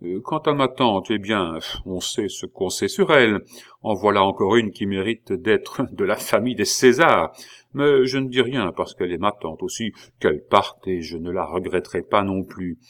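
A man voicing a calm, ironic king in an audiobook reading, humming and drawling before his lines. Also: fairly low pitch, normal speed, close to an everyday voice. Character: King Louis XVI, calm, dry, ironic middle-aged man.

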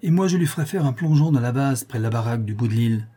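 A man's voice: medium pitch, lively intonation, fast talker, warm tone, husky. A man voicing a drunk, brutal young male bandit who snarls threats, reading a novel aloud. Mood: menacing.

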